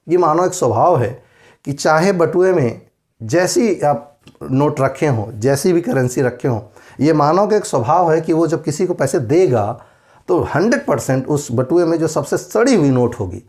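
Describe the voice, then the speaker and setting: A man with a somewhat higher-than-usual voice teaches an exam-preparation economics class in Hindi. He explains patiently, poses rhetorical questions and checks that listeners follow along. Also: darkish tone. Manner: explanatory, asks rhetorical questions, everyday examples. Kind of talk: exam-prep lecture.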